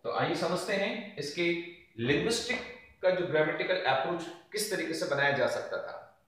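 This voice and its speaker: A man's voice: a little high, lively intonation, normal speed, fairly bright tone. A man teaching an exam revision lecture, explaining grammar answers step by step and addressing the students as friends. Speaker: English teacher. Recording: very echoey room, mic at a distance.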